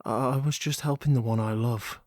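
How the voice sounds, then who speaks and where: A man's voice: mid-range voice, steady tone, fairly quick, darkish tone, no room sound, studio quality, lightly acted. A man playing a wealthy, self-controlled yandere lover, jealous yet restrained, speaking formally in a dramatic audio role-play. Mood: restrained devotion. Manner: yandere, composed, formal, wounded devotion.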